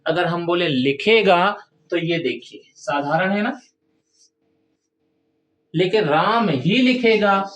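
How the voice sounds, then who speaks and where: A male teacher explaining Hindi grammar in a slow, repetitive classroom style, stressing key words and asking his students rhetorical questions. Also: high voice, expressive, a bit bright, reverberant.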